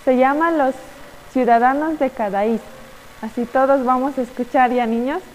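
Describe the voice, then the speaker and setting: A young woman tells a Bible-class story to children, with a slightly high voice. She pauses often and keeps checking in with little tag questions and fillers. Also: darkish tone, big-room sound, a little hiss or hum, low-quality recording. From Bolivia. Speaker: children's Sunday school teacher.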